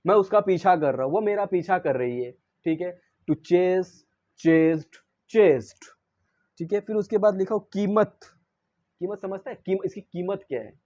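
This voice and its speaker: A man's voice: high voice, a little slow, mellow, lo-fi sound. Hindi-speaking male English teacher. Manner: explains in Hindi, recites verb forms in English; asks and answers his own questions. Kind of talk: classroom-style lesson.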